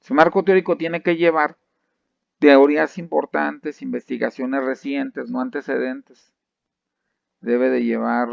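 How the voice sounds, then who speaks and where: A Mexican-accented man lectures on thesis methodology in a strongly gravelly voice. He talks loosely and conversationally, with fillers, restarts and rhetorical check-ins to his students. The recording is dry and dull, with a lo-fi sound. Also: mid-range voice, no echo. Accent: Mexican Spanish.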